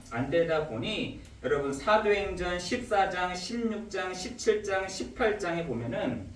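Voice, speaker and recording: Male pastor, expressive swooping sermon delivery, slightly high voice, distant mic in a reverberant church. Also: slight background noise. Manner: animated preaching, acts out questions to God. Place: church sanctuary.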